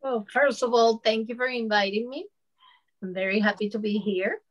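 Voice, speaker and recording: A Venezuelan woman in her fifties, with a Venezuelan Spanish accent, shares a personal account as a discussion panelist. She speaks conversationally at a moderate pace in a slightly high voice, often saying "you know," and the sound is lo-fi.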